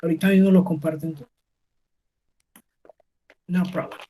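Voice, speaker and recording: A woman's voice: lowish voice, fairly even intonation, normal speed, mellow, a little hiss or hum. Patient woman teaching on a video call. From Colombia. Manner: patient, checks understanding with frequent "¿sí?". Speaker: English teacher. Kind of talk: online class explaining pronunciation.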